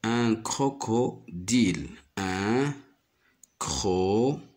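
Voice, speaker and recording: A man's voice: lowish voice, lively intonation, very slow, a little mellow. A man teaching a primary phonics lesson, patiently repeating each word and syllable.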